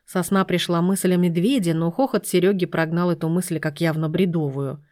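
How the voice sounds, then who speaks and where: A woman reading a novel aloud in a measured storytelling manner. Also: fairly low pitch, dark tone. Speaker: audiobook narrator. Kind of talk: expressive audiobook narration.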